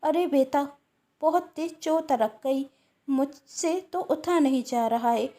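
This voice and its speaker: A scheming, bossy married woman, put on by a woman storyteller, barks orders in a sharp, commanding tone. Her voice sits high. She is the schemer of a spoken family story. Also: slow. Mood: wailing.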